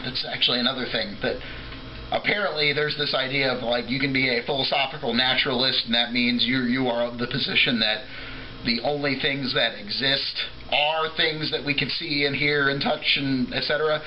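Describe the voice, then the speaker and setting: A man with a very bright, forceful voice rants off the cuff like a tipsy video blogger. He rambles, breaks off, restarts and swears freely. There is a faint layer of background noise on the recording. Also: medium pitch, fairly even intonation, normal speed, poor audio. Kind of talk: rambling off-the-cuff opinion rant to camera.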